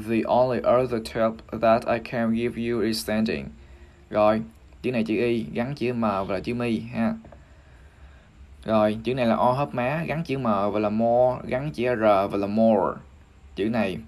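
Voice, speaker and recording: A man with a Vietnamese accent teaching English pronunciation on a livestream, spelling out sounds one by one and repeating each word slowly. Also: fairly low pitch, a little mellow. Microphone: phone or desk mic on a livestream.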